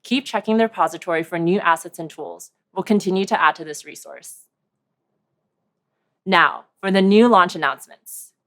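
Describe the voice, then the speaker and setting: A woman presenting at a developer conference in a clear, steady, rehearsed delivery. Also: lowish voice, moderate pace. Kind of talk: scripted product presentation.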